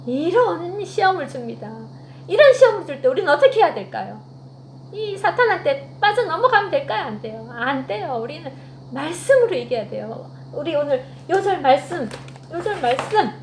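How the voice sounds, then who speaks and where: With a high-pitched, sing-song voice at normal speed, a children's ministry teacher animates a children's sermon and puts questions to the kids. The room echoes, and a faint hum can be heard.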